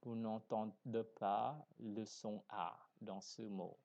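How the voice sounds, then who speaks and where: A man teaching a beginner French lesson, articulating each word slowly and carefully and often correcting himself mid-sentence. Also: lowish voice, steady tone, vocal fry, a little mellow, highs cut off. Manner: slow, deliberate, carefully articulating words.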